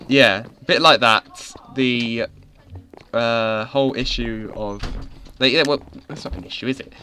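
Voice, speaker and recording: A man's voice: medium pitch, sharp tone, a little hiss or hum. A man rambling and joking to himself while giving casual gameplay commentary on a headset mic. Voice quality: chatty, rambling, self-mocking, with many restarts. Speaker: gaming YouTuber. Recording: game music playing behind.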